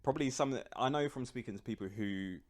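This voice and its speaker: A man's voice: mid-range voice, fairly quick, darkish tone. A man with a London accent, talking casually in a slangy, conversational way. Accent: London British. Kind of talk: casual chat.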